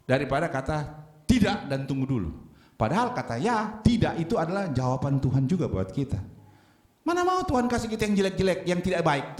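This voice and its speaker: A male pastor delivers a sermon in a high, very lively voice, leaning hard on some phrases and dropping low on others. The sound carries a roomy church echo around him. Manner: lively preaching, swinging between loud emphatic lines and low quiet ones. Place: church sanctuary.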